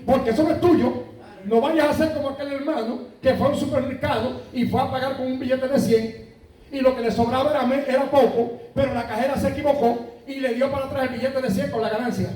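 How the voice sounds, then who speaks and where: A man with a very high, darkish-toned voice and a Puerto Rican accent preaches a sermon in a church sanctuary, speaking briskly in a steady tone. He asks the congregation questions and tells anecdotes, and the recording echoes as if captured from far off in the church.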